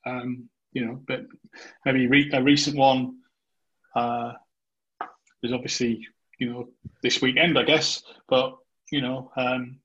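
A man's voice: mid-range voice, flat delivery, slow, long pauses, a bit bright, breathy edge. Guy hosting a podcast, rambly and hesitant, bit of husk, dull lo-fi sound. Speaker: podcast host. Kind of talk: casual interview chat.

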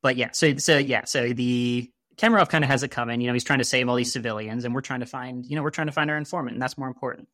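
Male podcast co-host, mid-pitched, casual and wry, meandering delivery, dry close sound. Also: fairly even intonation, fast talker, hardly any pauses, fairly bright tone, no echo. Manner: rambling, heavy on "you know" and "like"; wry, sarcastic asides. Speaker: podcast co-host discussing a video game.

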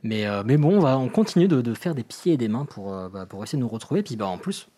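A man's voice: mid-range voice, sing-song, fast, warm tone. A man hosting a podcast in a casual, playful chat style, with a joking, teasing manner. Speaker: podcast host.

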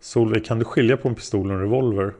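A man reading the questions of a patient female interrogator, gently probing a witness. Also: lowish voice, fairly even intonation. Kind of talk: read-aloud interrogation transcript.

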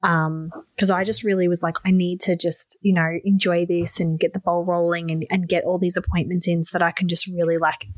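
Lively woman telling her story. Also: fairly quick, few pauses, no echo. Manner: animated, acts out quotes with sudden high squeals. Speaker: podcast guest. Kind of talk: casual storytelling.

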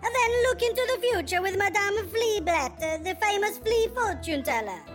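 A woman's voice: extremely high pitch, animated, moderate pace, fairly bright tone, soft background music. A woman playing a grandiose flea circus showman, announcing theatrically in a comedy sketch. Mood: grandiose, proud.

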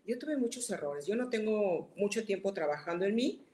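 A woman's voice: medium pitch, expressive, normal speed, dark tone. A woman, hosting a casual chat podcast, talks conversationally with frequent fillers. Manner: conversational, many fillers like "este", tells anecdotes. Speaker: podcast host. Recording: echoey room.

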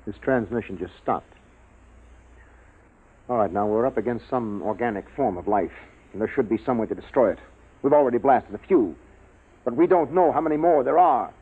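A man's voice: mid-range voice, normal speed, long pauses, breathy edge, close to an everyday voice. An actor playing an earnest male scientist who explains a deadly danger urgently in a 1950s radio drama. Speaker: scientist on a space base. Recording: tinny old radio broadcast.

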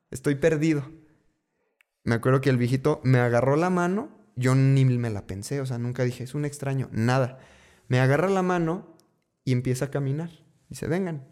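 A man's voice: mid-range voice, a little mellow. A man from Mexico with a Mexican accent, telling a personal story in a casual, conversational way, repeating words for emphasis and dropping slangy asides.

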